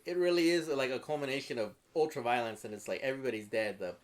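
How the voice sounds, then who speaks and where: A man hosting a podcast, chatting casually and excitedly as he retells movie scenes. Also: medium pitch, fast. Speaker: podcast host. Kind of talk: casual movie review chat.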